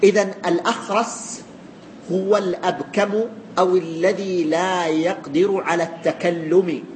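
High-voiced man teaching a class. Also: steady tone, a little slow, a little mellow, slight background noise. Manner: explains by repeating points and quizzing students. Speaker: teacher of religious law. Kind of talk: classroom lesson with student questions.

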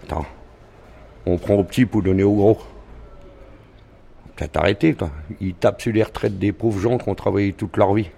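Interviewed voter; gravelly, very low, curt and indignant. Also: male voice, normal speed, long pauses, dark tone. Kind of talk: street interview.

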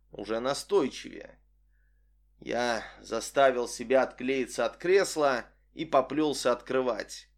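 A man narrating a first-person audiobook in a measured, wry storytelling manner. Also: mid-range voice.

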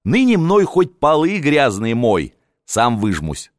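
A man's voice: medium pitch, wildly swooping pitch, slow, no room sound, studio quality, voice pushed up. A man reading an audiobook, voicing a crude, brash ex-convict jester in a raised voice. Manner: coarse, brash.

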